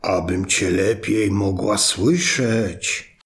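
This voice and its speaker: A man voicing a sly, hungry male wolf in a read fairy tale, with a slow, coaxing manner. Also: low-pitched, voice pushed down, full character voice.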